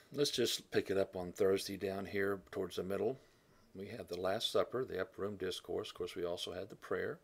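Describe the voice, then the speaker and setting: A man gives a classroom-style Bible lesson, thinking aloud with fillers, correcting himself, and frequently clearing his throat. His voice sits low, and he speaks at a moderate pace.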